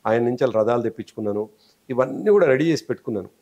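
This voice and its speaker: A man's voice: medium pitch, expressive, very fast, warm tone. A man with a Telangana Telugu accent, an interview guest telling a long story and acting out quoted speech.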